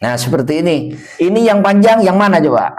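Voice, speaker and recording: Guy teaching quran reading basics, asks then answers his own questions, drags words out slow when showing how to read. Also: a little high, lively intonation, darkish tone. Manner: drawls words slowly when modelling recitation. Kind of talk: beginner Quran reading lesson.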